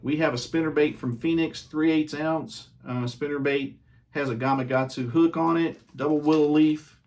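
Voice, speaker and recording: A man's voice: on the high side, moderate pace. Easygoing man reviewing fishing baits. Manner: relaxed, chatty, many ums and uhs. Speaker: fishing channel host. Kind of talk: casual bait review.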